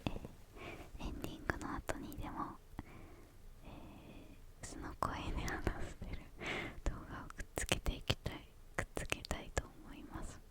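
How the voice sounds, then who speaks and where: A young woman whispers in a hushed, airy voice with no real voicing. She talks in ASMR style, answering questions in short phrases. Her delivery is tentative, with small pauses as she finds her words. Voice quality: hushed, breathy unvoiced whisper.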